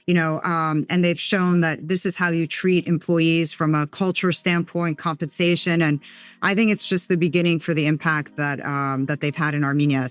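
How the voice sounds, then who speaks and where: A woman's voice: sits low, dry recording. A woman venture investor from the United States, answering interview questions in a reflective way, with frequent "you know" and "um". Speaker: venture capital investor, podcast guest.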